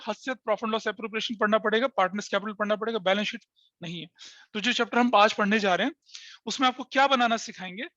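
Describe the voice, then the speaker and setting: A male teacher lecturing a class with a bright, forceful voice. He checks often that the students are following. The recording is dry and slightly dull. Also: extremely high pitch, no echo. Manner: explains step by step with frequent checking questions to students; mixes Hindi with English terms.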